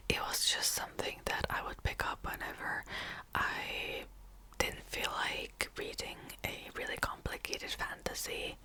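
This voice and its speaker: A slow, soft whisper with no voicing comes from a Czech woman, a native Czech speaker, as she wraps up an ASMR reading with rambling remarks and small laughs. The recording sounds rough.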